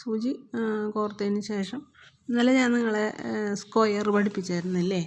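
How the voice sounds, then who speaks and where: A woman's voice: mid-range voice, normal speed, a little mellow. A woman giving a patient step-by-step sewing lesson, repeating each step and checking that learners follow. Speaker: sewing teacher.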